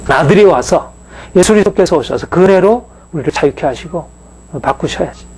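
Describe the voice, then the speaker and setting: A man's voice: a little high, animated, fairly quick, darkish tone, breathy edge, low-quality recording. A male pastor giving a conversational sermon, with frequent fillers and rhetorical questions to the congregation.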